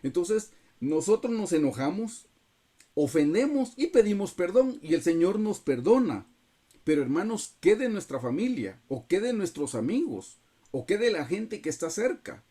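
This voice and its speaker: A man's voice: high-pitched, sing-song, moderate pace, dark tone, slightly rough. A man with a Guatemalan accent preaching a Bible study over a video call, earnestly addressing the listeners as brothers while sharing a personal testimony. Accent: Guatemalan Spanish. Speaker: pastor leading a Bible study.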